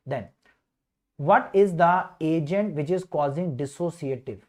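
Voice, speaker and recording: A man's voice: fairly high pitch, unhurried, a little mellow. North Indian man drilling students. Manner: repeats key words in a chanting drill, prompting students; mixes Hindi phrases into English. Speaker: medical teacher leading a revision session. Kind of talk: exam revision lecture with call-out questions.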